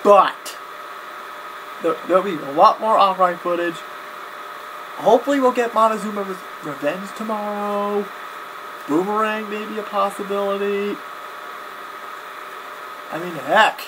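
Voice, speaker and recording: In a high voice, this young adult vlogger rambles casually to camera, pausing, doubling back and saying things twice. The setting is a small, cluttered home room, recorded through a webcam at desk distance, so the audio is webcam-grade with clear background noise.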